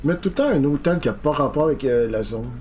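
A man's voice: medium pitch, lively intonation, fast talker, a little mellow, slight background noise. A man with a Quebec French accent giving casual, rambling, informal commentary as he streams a game. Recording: game music behind the voice. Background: video game music.

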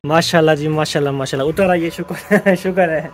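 A man's voice: a little high, a little hiss or hum. A man vlogging casually, chatty as he explains building work around his house step by step. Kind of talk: casual home vlog chat.

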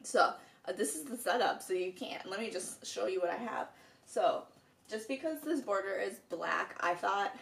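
A woman's voice: mid-range voice, lively intonation, normal speed, vocal fry, slight background noise. A young woman from Minnesota vlogging at home, chatting casually and giggling, with a froggy morning voice. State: morning voice, just woke. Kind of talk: casual chat to camera. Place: at home, indoors. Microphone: camera on a stand.

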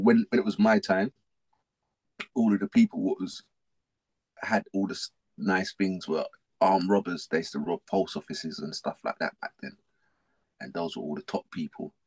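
This podcast guest, a middle-aged South Londoner, recounts his life in a low, slightly rough voice at normal speed, pausing often. He's slangy and animated, with a local accent, and tends to repeat himself.

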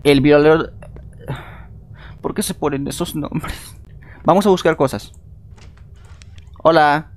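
A man's voice: fairly high pitch, slow pace, long pauses. A man streaming a multiplayer horror game, talking to his viewers and teammates, and shrieking and swearing whenever he gets scared. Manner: jumpy, screams and swears when scared. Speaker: gaming streamer. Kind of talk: live let's-play commentary.

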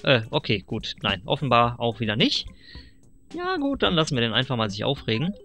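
A man's voice: mid-range voice, wildly swooping pitch, a little fast, sharp tone, soft background music. A man hosting a let's play from his desk at home, chatting and joking as he thinks aloud. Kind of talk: casual game commentary.

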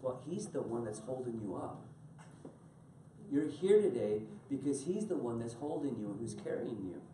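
A male pastor preaching a sermon to his congregation, animated and laughing as he tells stories and calls on people by name. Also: mid-range voice, normal speed, slight background noise. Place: church sanctuary. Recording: echoey room from far off.

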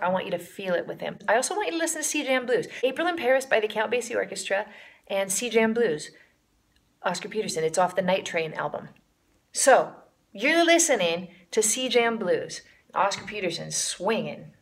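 A woman teaching a casual jazz lesson to camera, enthusiastic and chanting rhythmic syllables to demonstrate the beat. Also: medium pitch.

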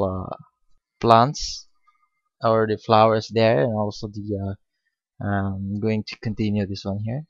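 A man giving a step-by-step painting lesson, speaking unhurriedly with many pauses and fillers. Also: fairly low pitch, no room sound. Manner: unhurried, hesitant with frequent fillers. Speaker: painting instructor. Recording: dull lo-fi recording.

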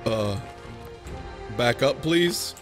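A man casually commenting on his own gameplay, excitable, laughing often and swearing freely. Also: medium pitch, drawn-out words, soft background music. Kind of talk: casual let's play chat.

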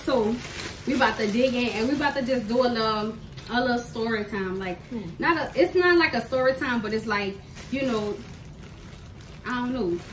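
A woman's voice: a little high, normal speed, crowd noise. Bubbly New Orleans woman hosting. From New Orleans, USA. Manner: bubbly, laughs often, loose slangy talk. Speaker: host. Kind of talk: casual mukbang chat. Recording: echoey room, mic at a distance, noisy.

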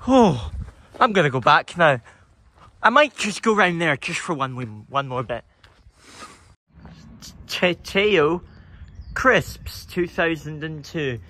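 Slow and often pausing, his fairly high voice still carries lively intonation and a bright, forceful tone. He's a young urban explorer vlogger walking through a derelict building and its outdoor surroundings, giving nervous commentary to himself on a handheld phone. He mutters, jumps at things and spooks easily.

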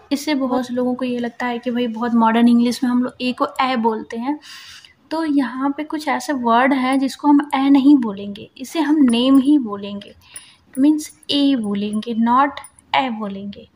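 A woman with a somewhat high voice teaches English phonics. She talks in Hindi mixed with English words and sounds out each vowel slowly and carefully to demonstrate it. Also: darkish tone. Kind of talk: explaining phonics in a casual lesson.

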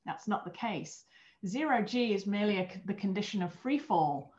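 A European woman in her thirties, a former astronaut trainer, is interviewed as a guest on a video call via webcam and talks earnestly about her work, restarting a phrase now and then. Her medium-pitched voice is expressive, a little mellow and moderately paced. The audio is muffled and lo-fi with a roomy echo.

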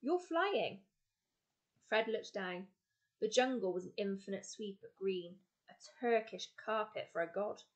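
A woman's voice: medium pitch, normal speed. Woman teacher reading a storybook aloud. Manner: steady narration with small self-corrections. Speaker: teacher reading a children's novel.

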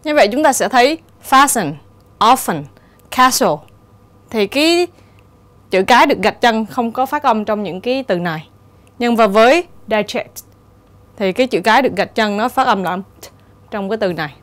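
A woman teacher giving a steady, explanatory exam-prep lesson and reading the answer options aloud. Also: fairly high pitch, brisk. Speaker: English teacher.

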